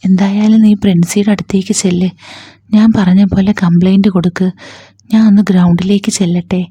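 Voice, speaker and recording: A woman's voice: medium pitch, level tone, brisk, husky, dry recording, lightly acted. A woman doing a kind comforting teacher. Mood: reassuring. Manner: gentle, reassuring. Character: caring female teacher, comforting colleague.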